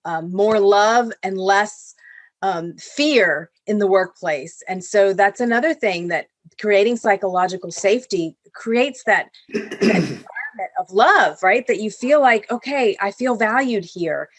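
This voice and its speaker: On a video call panel, a woman executive from Venezuela speaks in an earnest, explanatory way, occasionally restarting her sentences. She has a mid-range voice, keeps a measured pace, and there's no echo.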